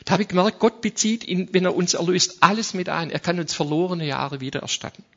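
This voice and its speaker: A man preaching a sermon to a congregation, reading scripture aloud and speaking directly to his listeners, swinging from soft asides to loud passages. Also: sits high, fairly even intonation, fairly quick. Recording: dull lo-fi sound.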